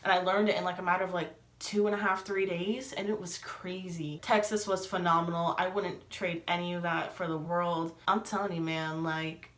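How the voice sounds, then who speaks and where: A woman's voice: on the low side, flat delivery, normal speed, hardly any pauses. Chatty young woman in an echoey room. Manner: chatty, many fillers, acts out quoted dialogue. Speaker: vlogger. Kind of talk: casual storytelling.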